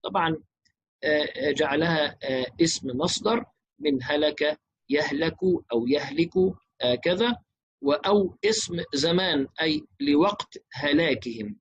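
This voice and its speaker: A man teaching Quran recitation, explaining rules briskly and chanting verses slowly and melodically. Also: on the high side, a bit bright, breathy edge, no room sound, dull audio.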